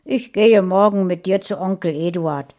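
Woman reading as a gruff father in a storybook, loud and curt. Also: on the low side, moderate pace, lightly acted. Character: gruff father, grumbling and short.

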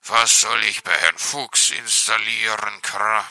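A man voicing a grumpy, weary male raven in a storybook reading, croaking and loud. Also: on the low side, slow pace, no echo, voice pushed down, heavily acted. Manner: croaky, listless, adds "kra".

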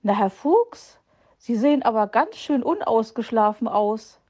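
A woman's voice: fairly high pitch, expressive, measured pace, warm tone. A woman voicing a teasing, mocking female magpie in a storybook reading.

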